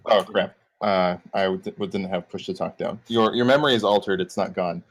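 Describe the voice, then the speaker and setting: A man plays in a tabletop role-playing game. His voice is fairly low, and he talks through his moves in casual game chat. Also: steady tone, brisk.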